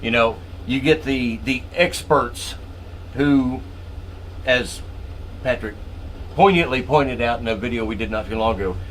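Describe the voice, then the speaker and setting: Man, West Texas drawl, medium pitch, casual opinionated panel talk, faint room hum. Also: measured pace, pauses often, a bit bright, low-quality recording. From West Texas, USA. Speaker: panelist on a discussion show.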